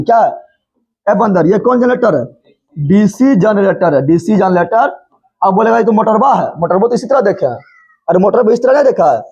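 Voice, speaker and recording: High-voiced teacher quizzing his class. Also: a little mellow, husky. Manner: repeats questions to the class, scolds students playfully. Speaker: physics teacher. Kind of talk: classroom lecture. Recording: dull lo-fi classroom recording.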